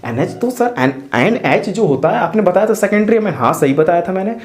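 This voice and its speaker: A man's voice: high voice, expressive, a little fast. A man teaching chemistry in a chatty, playful way, asking his students questions and answering for them in their voice. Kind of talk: chatty classroom explanation. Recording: roomy echo.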